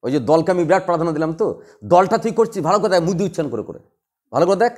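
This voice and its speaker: A man teaching a class, drilling students with quick repeated questions. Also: high-pitched. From West Bengal. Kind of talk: classroom lecture.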